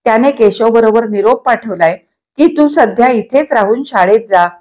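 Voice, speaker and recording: A woman's voice: a little high, normal speed, a little mellow, close to an everyday voice. A woman voicing a firm, plain-spoken old grandmother in a read-aloud novel.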